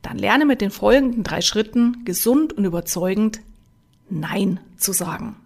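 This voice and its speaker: A woman coach talks to the listener in a motivational self-help style. Her delivery is lively, and she keeps asking direct rhetorical questions. Her pitch sits in an ordinary middle range. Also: a little slow, vocal fry.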